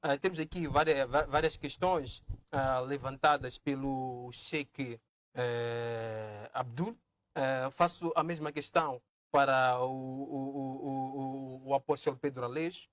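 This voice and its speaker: A man moderating a religious debate and putting halting questions to the guests. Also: mid-range voice, fairly even intonation, no room sound, studio quality. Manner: frequent short acknowledgments, halting questions.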